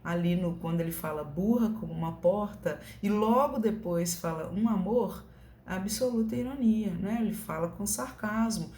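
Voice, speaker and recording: A woman's voice: medium pitch, moderate pace, warm tone, echoey room. A woman with a Brazilian accent, giving a casual online lecture from a room at home and often checking in with her listeners. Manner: conversational, many tag questions. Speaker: teacher.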